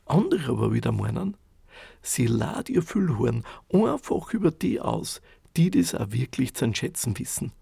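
A man telling a fairy tale in a lively, folksy, dialect-tinged way. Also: medium pitch, gravelly, slightly rough, dry recording. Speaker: storyteller. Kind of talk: spoken fairy tale narration.

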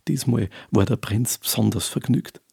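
Gravelly storyteller man. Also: on the low side, moderate pace, mellow, no room sound, studio quality. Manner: dialect-tinged, homely narration with fillers. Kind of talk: folk tale storytelling.

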